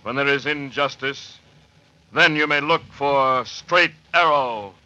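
Man playing slow, solemn, noble western hero. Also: mid-range voice, muffled recording, loud music behind the voice, lightly acted. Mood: solemn, calm. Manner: measured, formal, solemn. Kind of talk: 1940s radio western acting. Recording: noisy vintage radio recording.

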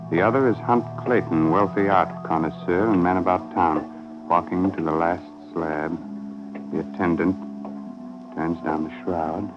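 Low-voiced sinister old radio horror host. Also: male voice. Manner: deliberate, theatrical. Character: sinister, courteous male host of macabre tales. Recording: dull old radio recording with music.

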